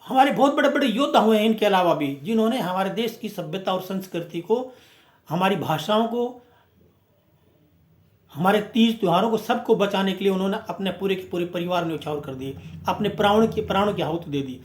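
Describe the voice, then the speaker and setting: A man with a high voice delivers a fiery, emphatic speech, leaning on rhetorical questions and repeated phrases. The sound rings with the echo of the room. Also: animated, fairly quick. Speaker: movement speaker. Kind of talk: impassioned speech. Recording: echoey room.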